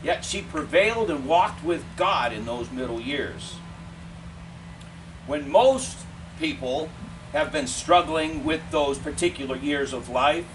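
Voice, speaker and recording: Higher-voiced man giving a funeral eulogy, distant mic. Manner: measured, deliberate delivery in short phrases with pauses. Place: funeral service, speaker away from the mic. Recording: distant mic, clear steady air-conditioning noise.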